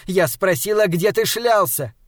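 A man's voice: fairly high pitch, expressive, moderate pace, dry recording, clean studio sound, natural voice. A man voicing a furious, scornful young woman in an audiobook, screaming insults and sneering.

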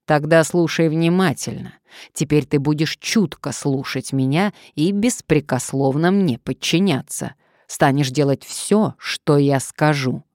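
A woman's voice: sits low, measured pace, a little mellow, no room sound, clean studio sound. Woman voicing a cold male blackmailer. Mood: menacing. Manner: cold, clipped threats. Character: menacing male blackmailer on the phone. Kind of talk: audiobook character reading.

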